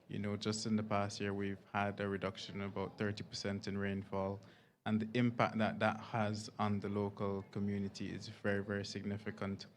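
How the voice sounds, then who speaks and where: A man with a Kittitian accent from Saint Kitts and Nevis, moderating a formal panel discussion. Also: on the low side.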